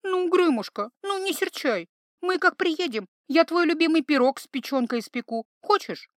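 A woman voicing a soft-hearted young female herbalist who talks in a high, pleading, excitable way. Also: moderate pace, no room sound, studio quality, heavily acted. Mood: coaxing.

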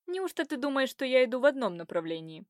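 A woman voicing a stern, possessive young man who speaks slowly, low and cold. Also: big pitch swings, no echo, studio quality. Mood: mocking, threatening.

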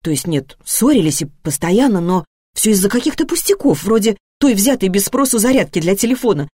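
A woman reading a novel aloud as narrator, with expressive storytelling that shifts tone with the scene. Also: medium pitch, a little fast, slightly rough, no echo, studio quality. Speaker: audiobook narrator. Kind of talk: scripted narration.

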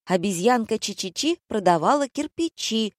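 A woman voicing a timid, slow-witted young female model in a thin, high, whimpering voice. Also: expressive, no room sound, studio quality, close to an everyday voice. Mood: timid, whiny. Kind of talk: audiobook character voice.

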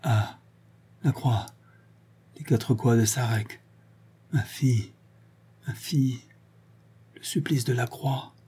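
A man voicing a dying old father who speaks in a faint, raspy, frightened whisper. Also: lowish voice, moderate pace, pauses often, mellow.

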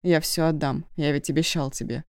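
A woman voicing a cocky young man, blunt and defensive, in her own low voice. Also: steady tone, a little fast, a little mellow, no room sound, clean studio sound.

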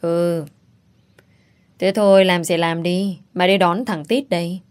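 A woman's voice: lowish voice, fairly even intonation, slow pace, darkish tone, clean tone. A woman voicing a worried, scolding middle-aged mother talking on the phone in a read-aloud story. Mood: brisk.

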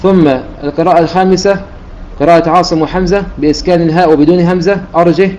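A man's voice: fairly high pitch, steady tone, very fast, darkish tone. A man teaching a religious lesson, going methodically through each reading and repeating key points. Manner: methodical, repeats points, restarts words while counting. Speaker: Quran recitation teacher. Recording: dull lo-fi recording with faint hiss.

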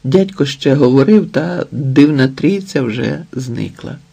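Guy reading an audiobook slow and steady, dark husky voice. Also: mid-range voice. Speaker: audiobook narrator. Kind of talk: scripted narration.

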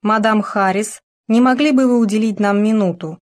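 A woman's voice: medium pitch, moderate pace, a little mellow, natural voice. A woman reading the lines of a male chief inspector who speaks formally and insistently.

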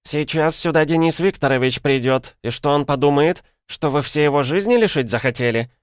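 A man voicing a sharp-tongued young nurse who orders people about and speaks sarcastically. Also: steady tone, a little fast, no room sound, studio quality, natural voice. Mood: shrieking. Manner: shrill, commanding, sarcastic.

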